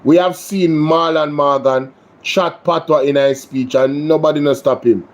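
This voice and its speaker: A man's voice: on the high side, steady tone, a little slow. Indignant Jamaican man hosting commentary. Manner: indignant, emphatic. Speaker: political commentary host. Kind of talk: live reaction commentary.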